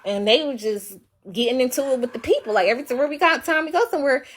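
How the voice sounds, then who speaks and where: A woman's voice: high-pitched, animated, fast talker. Profane, ranting young woman livestreamer. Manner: blunt, profane, emphatic ranting. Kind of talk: casual livestream venting.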